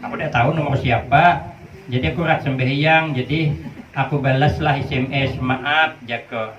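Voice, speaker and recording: A man's voice: mid-range voice, fairly even intonation, moderate pace, noisy background. Humorous preacher in his fifties, echoey hall. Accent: Banjar Malay. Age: 50s. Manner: storytelling with playful dialogue and sing-song Arabic recitation. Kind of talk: humorous sermon. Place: hall with a live audience. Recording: echoey, distant, muffled crowd hall recording.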